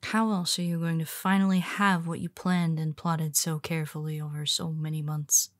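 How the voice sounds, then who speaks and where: In an intimate audio roleplay, a woman with a deep voice and a lightly acted delivery plays a powerful superhero who is blunt but secretly vulnerable. She talks conversationally, slipping in hesitant asides, and sounds smug and matter-of-fact.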